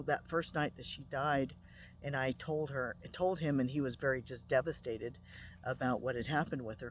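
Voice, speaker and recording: A woman's voice: sits low, slight background noise. Woman telling a personal story, casual. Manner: conversational, with frequent ums and restarts. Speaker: spiritual channel host.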